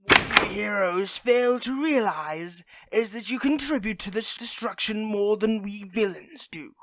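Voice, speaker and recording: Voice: mid-range voice, expressive, a little slow, heavy background noise. A performer acting a theatrical supervillain in an audio role-play, with a pompous, gloating, mustache-twirling manner. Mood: scornful, booming. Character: theatrical supervillain delivering a grandiose, gloating monologue.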